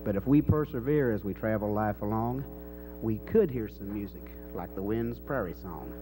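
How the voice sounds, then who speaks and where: A man's voice: lowish voice, lively intonation, normal speed, over music, poor audio. A middle-aged man with a folksy cowboy drawl, reciting cowboy poetry live into a stage microphone. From Kansas. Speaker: cowboy poet. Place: dark indoor stage. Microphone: stage microphone on a stand. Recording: faint noise and hum.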